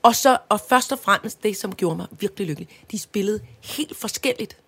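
Podcast co-host: woman, middle-aged, mid-pitched, emphatic and playful, casual chat. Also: a bit bright, breathy edge. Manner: gushing, emphatic, playful teasing.

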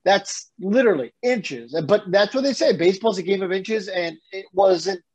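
High-voiced animated man ranting. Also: normal speed, slightly rough, dull audio. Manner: animated, swears, rants. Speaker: podcast co-host. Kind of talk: casual sports chat.

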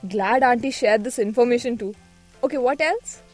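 Give the voice of a woman with a North Indian accent and a high pitch. She co-hosts a cooking show in scripted but casual dialogue, chatting and dropping in Hindi words. Soft music plays behind her. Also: moderate pace. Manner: chatty Hindi-English code-switching. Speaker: co-host of a cooking podcast.

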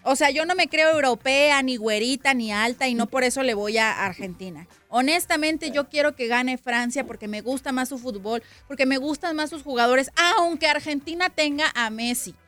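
Blunt high-voiced Mexican woman radio host. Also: moderate pace, hardly any pauses, fairly bright tone, faint music behind. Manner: blunt, teasing, outspoken. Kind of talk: casual call-in chat. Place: radio studio.

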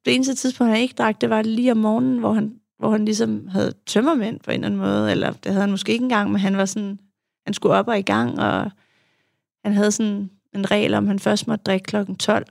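Gravelly young woman telling her story. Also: mid-range voice, a little mellow, no echo, clean studio sound. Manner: frank, reflective, with frequent fillers. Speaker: guest, adult child of an alcoholic; youth therapist. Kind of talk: candid conversational storytelling.

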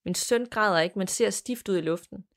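Woman reading a ghost story aloud. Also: medium pitch. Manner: measured, plain storytelling with occasional laughs. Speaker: podcast host.

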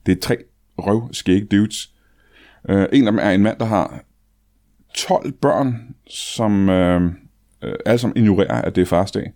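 A comedy podcast host, a man with a lowish voice, rattling on eagerly and stumbling over his words. He talks casually and enthusiastically. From Denmark. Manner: fast, excited, full of fillers.

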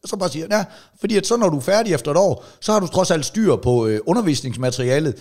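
A man's voice: fairly high pitch, animated, darkish tone. A middle-aged man, a comedian co-hosting a podcast, telling rambling stories with lots of swearing and restarts. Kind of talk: casual chat, telling stories.

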